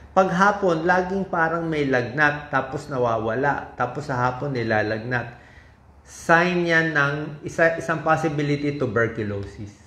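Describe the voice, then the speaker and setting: A middle-aged man, a doctor, gives informal health advice in a lively way, stressing each numbered point and asking rhetorical questions. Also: mid-range voice, a little hiss or hum. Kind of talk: informal medical talk. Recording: echoey room with faint ambience.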